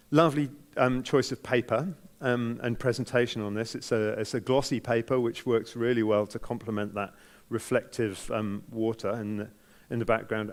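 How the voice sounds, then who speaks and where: New Zealand man giving measured, hesitant critique. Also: mid-range voice. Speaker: photography competition judge. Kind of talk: spoken critique, unscripted feedback.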